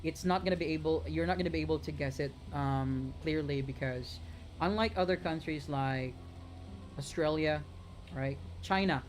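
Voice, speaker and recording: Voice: mid-range voice, normal speed, soft background music. A streamer from the Philippines chatting casually with live viewers, rambling with frequent restarts and talking straight to the audience. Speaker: gaming streamer.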